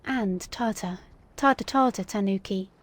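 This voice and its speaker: A woman's voice: mid-range voice, measured pace, no room sound. Give me a chatty woman streamer on a headset mic, dry and close. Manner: chatty, greets chat and thinks aloud. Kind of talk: casual livestream chat while gaming.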